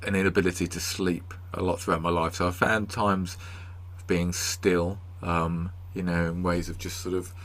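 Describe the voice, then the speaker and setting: A man's voice: low-pitched, flat delivery, normal speed, a bit bright. A man with an English accent in casual podcast chat, self-deprecating and dryly humorous. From England. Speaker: podcast co-host.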